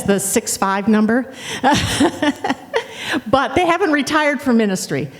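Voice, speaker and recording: An older woman from Ohio, USA, with a mid-range voice that is strong and loud and carries a slight Southern twang, gives a guest talk at church as a visiting associate pastor. She is chatty and warm, laughing and restarting her sentences, and the long reverb of the church hall rings around her.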